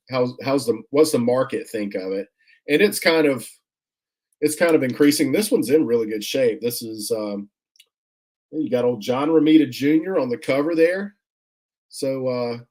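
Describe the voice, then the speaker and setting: A man in a casual unboxing chat at a middle pitch. His talk is relaxed and rambling, full of "um" and restarts. He keeps breaking off to thank viewers for their comments. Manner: friendly, thanks viewers often. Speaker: comic collector vlogger, host.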